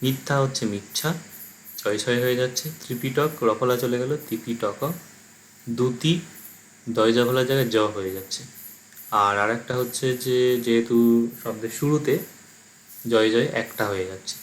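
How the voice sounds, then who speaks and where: A man with a Bengali accent teaching a recorded language lesson, explaining word pairs one after another in a steady way. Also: mid-range voice, normal speed, long pauses, a little hiss or hum, poor audio.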